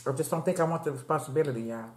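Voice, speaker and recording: Eating on camera at her table at home, a woman in her late 50s talks very fast to her audience, addressing them as y'all. Her low, darkish voice echoes a bit in the dim room, captured by a camera set across from her.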